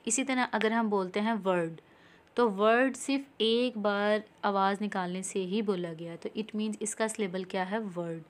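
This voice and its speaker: A woman with a Pakistani accent giving an exam-prep lesson, reading English lines slowly and explaining them in mixed Urdu and English. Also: mid-range voice. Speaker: teacher.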